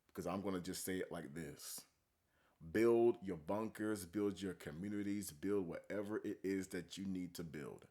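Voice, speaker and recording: A man giving casual, blunt, profane reaction commentary as he preaches about scripture. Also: low-pitched. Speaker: commentary video host.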